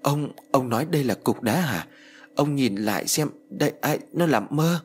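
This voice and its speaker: A man voicing a middle-aged village wife who scolds her husband briskly in an audio story. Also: mid-range voice, lively intonation, breathy edge, voice pushed up. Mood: uneasy.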